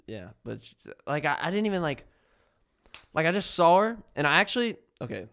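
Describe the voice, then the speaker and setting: A man's voice: a little high, very animated, brisk, fairly bright tone, clean tone. A man talking as a podcast guest, telling a story in a rambling way, full of "like" and restarts. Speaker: podcast guest, prank video maker. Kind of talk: casual podcast chat.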